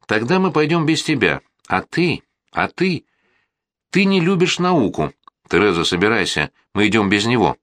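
A man's voice: medium pitch, big pitch swings, moderate pace, no room sound, pitched above the performer's own voice. Man playing a hot-headed furious boy. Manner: shouting, impulsive.

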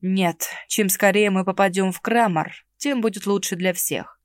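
A woman's voice: medium pitch, fairly even intonation, normal speed, no room sound, studio quality, natural voice. A woman voicing a stern, irritable male inquisitor in an audiobook, with a curt, ironic and commanding delivery. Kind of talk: audiobook character reading.

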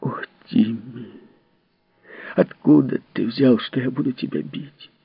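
A gentle, protective woman caretaker, soft and hushed, comforting through tears, as a male reader puts her on. A husky voice in a dry, dull audiobook recording. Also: medium pitch, takes it slowly, no room sound, heavily acted.

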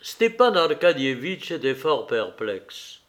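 A man reading a novel aloud as an audiobook, measured and even. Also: on the high side. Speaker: audiobook reader.

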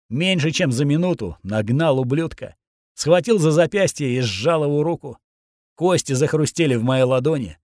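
A man narrating a first-person action audiobook in a steady, grim storytelling voice, recorded on a close studio mic. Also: mid-range voice, no echo.

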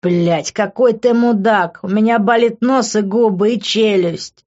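A woman reading the part of a drunk, whiny young man who exclaims loudly. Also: medium pitch, a little slow, lo-fi sound, pitched above the performer's own voice, natural voice. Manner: whining, exclaiming. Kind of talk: audiobook character reading.

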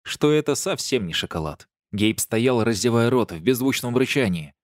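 Man, audiobook narrator, even and measured delivery, medium pitch, dry close sound. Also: no room sound. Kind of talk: scripted narration.

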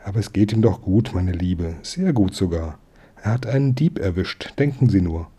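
A man's voice: sits low, lively intonation, warm tone, slightly rough. Man doing a bustling gossipy neighbor lady. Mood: eager. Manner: bustling, gossipy, quick to reassure. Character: chatty eager neighbor woman, a baker's wife.

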